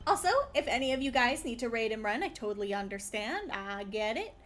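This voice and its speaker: A woman with a very high voice talks like a cute anime streamer. Her delivery is bubbly and gushing, in the loose, informal way of someone chatting with viewers on a livestream. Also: expressive, brisk, a bit bright. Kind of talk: casual livestream chat.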